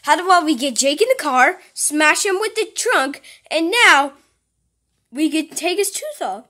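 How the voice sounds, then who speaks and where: A woman voicing a pushy, scheming, excitable plush toy dad in a homemade skit. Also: sits high, measured pace, exaggerated voice. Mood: excited scheming. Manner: exclamatory, bossy.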